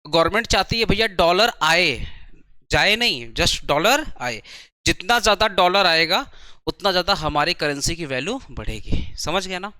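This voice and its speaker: A man teaching a commerce tax class at a coaching centre, chatty and speaking slowly, often repeating his questions to the students. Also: high-pitched, animated, pushed and bright, no echo. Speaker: commerce tutor. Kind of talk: classroom lecture.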